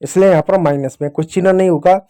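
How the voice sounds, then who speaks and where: His voice sits high and is warm, clear, and resonant, with a steady tone and a fast delivery. He teaches a beginner Hindi reading class, writing with a pen on a board or screen, patiently repeating essentials and speaking to viewers as children.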